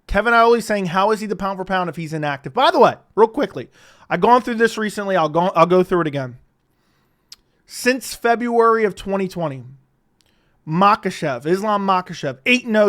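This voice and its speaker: A man's voice: high voice, animated, moderate pace, a bit bright. A man doing reaction commentary on combat sports in an exasperated, mocking, argumentative manner. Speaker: video commentator.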